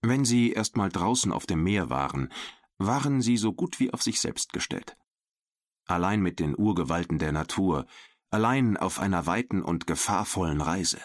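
A man narrating a children's adventure audiobook in an expressive, scripted style, voicing every character. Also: low-pitched, moderate pace, no echo, clean studio sound.

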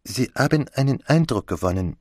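A man voicing a courteous, self-assured elderly Belgian detective in an audiobook, speaking deliberately. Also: mid-range voice, lively intonation, no room sound, studio quality, pitched above the performer's own voice, natural voice. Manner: measured, polite, deliberate. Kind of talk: audiobook character voice.

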